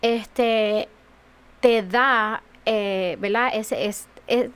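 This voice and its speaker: Woman guest, smooth and slightly high, earnest, moved storyteller. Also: steady tone, drawn-out words. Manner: emotional, earnest storytelling with many fillers. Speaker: guest author and speaker. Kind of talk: personal testimony in a radio talk.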